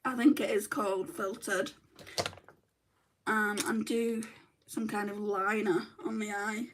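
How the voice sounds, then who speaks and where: Over a noisy background, a middle-aged woman with a northern English accent does a makeup livestream, chatting, reading comments, and muttering to herself as she goes. Her medium-pitched voice is flat and slow, and she says she's got back pain, all in a chatty, self-deprecating way.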